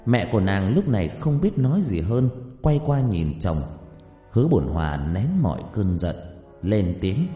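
A male storyteller reads with a low, mellow voice that swings widely in pitch. His narration sits in a long, roomy reverb with soft music underneath. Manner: expressive, dramatic reading. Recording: echoey reverb, faint music behind.

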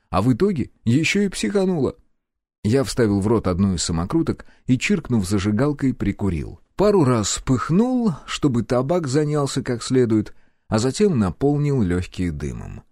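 A man narrating a first-person audiobook in a measured, calm storytelling manner. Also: mid-range voice, no echo, studio quality.

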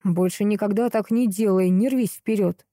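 A woman's voice: medium pitch, normal speed, dark tone, no room sound, clean studio sound, lightly acted. A woman reading the lines of a young male duke in an audiobook, stern yet pleading.

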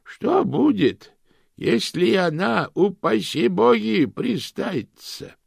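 A man puts on a tiny, ancient aunt with a high, quavering voice, slow and prim. Her genteel manner hides a poisonous streak. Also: sing-song, vocal fry, slightly rough, no echo, clean studio sound, heavily acted. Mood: prim menace.

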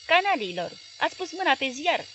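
An outraged middle-aged newspaper owner snaps sharp, exasperated questions, as a woman reads him aloud in an audiobook. The voice sits fairly high and pushes louder than the narration around it. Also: animated, slight background noise. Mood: indignant.

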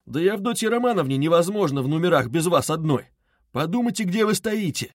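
A man voicing a tipsy young man, loud, blustering and drunkenly emphatic. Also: on the high side, expressive, fairly quick, no echo, clean studio sound, pitched above the performer's own voice. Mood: urgent. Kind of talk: audiobook character reading.

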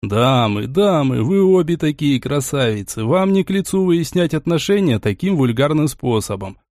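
A man voicing a fussy male marquis hosting a party, talking quickly to soothe quarreling guests. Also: a little high, very animated, a little mellow, no room sound, studio quality. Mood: placating. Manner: rapid, placating, fussy.

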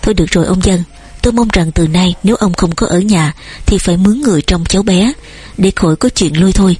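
Woman reading a stern cop guy, formal, lecturing, breathy tone. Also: on the low side, quick pace, a little mellow, no room sound, soft background music. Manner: formal, admonishing. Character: stern male police officer.

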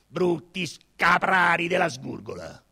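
A man's voice: on the high side, very animated, slow pace, vocal fry, sharp tone, husky, voice pushed up, exaggerated voice. A man playing an irritated male police inspector, barking short questions and insults. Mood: angry scolding.

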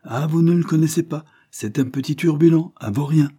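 A brusque, sharp-tongued servant woman , voiced by a male narrator, pitched well above his usual voice and loud with irritation. She scolds bluntly and impatiently in a dark, husky storybook reading. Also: fairly quick. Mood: scolding.

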